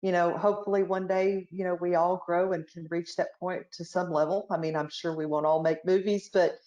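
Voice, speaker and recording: A woman's voice: fairly low pitch, steady tone, fairly quick, dark tone, lo-fi sound. A woman hosting an interview casually, supportive, reading out audience comments, heard over a video call. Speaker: host.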